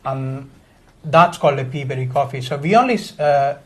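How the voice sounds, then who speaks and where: A man's voice: mid-range voice, a bit bright. A man, a coffee roaster guest, explaining coffee pairings in casual chat, rambling with many fillers. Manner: rambling, many "so it's like" fillers, quick bursts.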